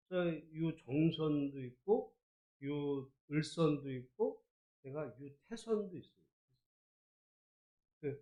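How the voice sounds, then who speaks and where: Male pastor, high voice, chatty sermon full of rhetorical questions, echoey church hall. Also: dull audio. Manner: conversational preaching with rhetorical questions, swings from soft to loud. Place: church sanctuary.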